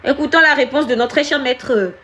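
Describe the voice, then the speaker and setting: A woman's voice: sits high, brisk, pushed and bright. A woman giving casual live-stream commentary, slipping into Ewe and scolding viewers by name.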